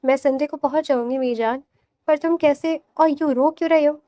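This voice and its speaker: A woman's voice: sits high, steady tone, dark tone, dry recording, studio quality, close to an everyday voice. A woman narrator voicing a loving mother who asks her son, full of worry, what is wrong. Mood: worried. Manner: worried, tender. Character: anxious, loving mother on the phone.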